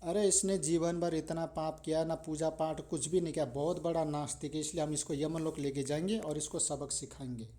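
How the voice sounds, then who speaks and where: A man's voice: a little high, fairly even intonation, a little fast, hardly any pauses, mellow, natural voice. A man voicing a harsh messenger of death. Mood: accusing. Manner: harsh, accusing.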